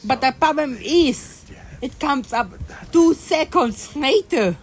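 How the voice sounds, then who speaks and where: Recording at home over faint background music, a young woman narrates a mobile game tutorial in a high, animated voice at a slow pace. She meanders through fillers and false starts, and her talk turns into an exasperated rant.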